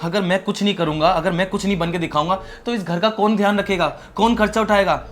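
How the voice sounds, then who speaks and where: A man's voice: sits high, fairly even intonation, quick pace, slight background noise, lightly acted. A young man playing a dutiful student brother-in-law in a short film drama, earnest and exasperated. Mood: exasperated refusal. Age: young adult.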